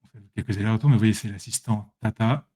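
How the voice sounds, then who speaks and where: A man's voice: fairly low pitch, fast talker, mellow. Male presenter, casual screen-share tutorial, chatty and self-correcting, addresses viewers directly. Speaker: presenter demonstrating software.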